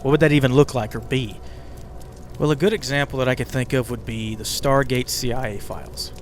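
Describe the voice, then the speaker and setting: A male podcast host and writer, medium in pitch and a touch quick, narrates a conversational script and slips in casual remarks to the listener. Ambient music and fire crackles fill the background.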